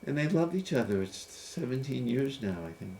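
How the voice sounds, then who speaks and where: A man's voice: medium pitch, animated, moderate pace, gravelly, mellow. A man in his fifties hosting a casual, playful chat about scripture, musing aloud and laughing easily. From United States. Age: 50s. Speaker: host. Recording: faint background noise.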